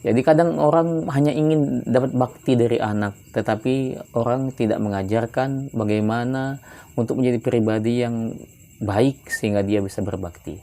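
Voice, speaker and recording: Relaxed man giving religious advice. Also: mid-range voice, moderate pace. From Palembang, South Sumatra. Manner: relaxed and chatty, often adds "ya kan" tag questions. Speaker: Islamic religious teacher. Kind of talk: conversational religious advice talk.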